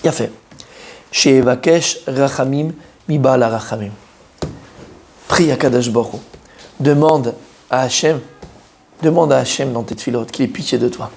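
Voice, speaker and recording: A man, a rabbi, giving a Torah lesson to a live group. He talks in an animated, emphatic way, questions his listeners and repeats key words to drive them home. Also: medium pitch, measured pace, gravelly, long pauses, slight background noise. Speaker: rabbi teaching a Torah class.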